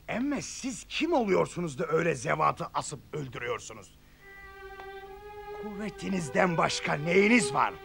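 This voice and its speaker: A man's voice: a little high, gravelly, fairly bright tone, exaggerated voice. An actor playing a distraught, defiant village man, agitated and challenging in a period film. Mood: indignant. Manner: agitated, pleading and challenging, repeating himself. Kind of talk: period film drama acting.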